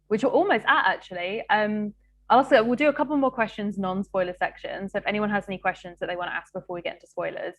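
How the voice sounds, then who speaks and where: Bubbly young woman host. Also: medium pitch. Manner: bubbly, rambling, filler-heavy. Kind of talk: live-stream book chat.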